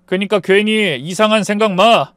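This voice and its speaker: A man voicing a falsely gentle husband who turns snarling and threatening in a story narration. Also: mid-range voice, moderate pace, no room sound, clean studio sound, voice pushed up, lightly acted. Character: smooth-talking abusive husband turned threatening.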